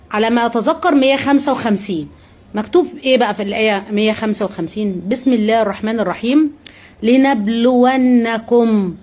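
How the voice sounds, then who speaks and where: Fast-talking Egyptian woman preaching. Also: fairly high pitch, a little mellow. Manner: asks rhetorical questions and answers them herself; earnest, coaxing, addresses viewers directly. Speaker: religious advice live streamer. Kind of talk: live-streamed religious talk.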